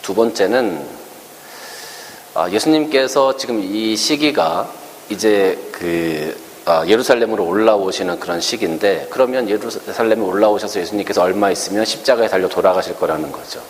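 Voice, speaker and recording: A man's voice: fairly low pitch, moderate pace. Man preaching in a reverberant church. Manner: conversational, asks the congregation rhetorical questions; acts out quoted speech in a raised voice. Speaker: pastor. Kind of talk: sermon. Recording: long hall reverb with faint hiss.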